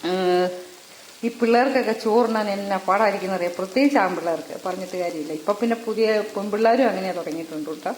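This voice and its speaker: A chatty woman talks her viewers through a home recipe in an easy, conversational way, often tagging a little question onto her sentences. Her pitch sits in a middle range. Faint background noise stays under her voice. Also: fast, darkish tone, reverberant. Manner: chatty, adds a tag to most sentences. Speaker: cooking vlogger. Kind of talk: casual cooking chat.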